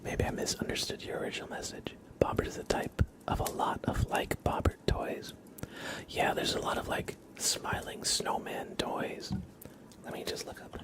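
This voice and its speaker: A man hosts an ASMR livestream, chatting casually with viewers in a gentle, halting way. His voice is a soft, whispery murmur.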